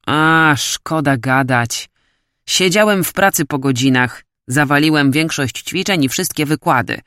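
A woman's voice: deep voice, a little slow, fairly bright tone, dry recording, clean studio sound. Woman doing a fed-up, laid-back young male student. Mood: offhand. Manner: casual, slangy, offhand. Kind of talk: audiobook character voice.

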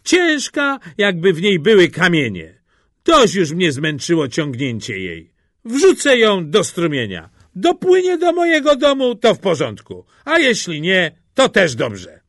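A man's voice: mid-range voice, sing-song, a little slow, a bit bright, dry recording, studio quality. A man voicing a sly, cunning poor peasant, bantering with playful mock fear. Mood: sly teasing.

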